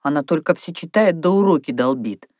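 A woman reading aloud, voicing an excitable, scatterbrained little girl who exclaims a lot. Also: deep voice, a little fast, no room sound, clean studio sound. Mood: excited. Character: scatterbrained giggly little girl, easily sulky.

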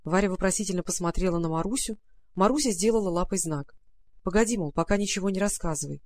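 A woman narrating a children's storybook in a calm, measured reading voice. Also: lowish voice, no echo. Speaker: audiobook narrator.

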